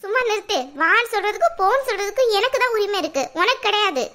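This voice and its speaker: A harsh, scolding cartoon mother-in-law who barks commands, as a woman puts her on. The voice sits very high and sounds bright and forceful. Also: lively intonation, fast talker, heavily acted. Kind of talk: cartoon voice acting.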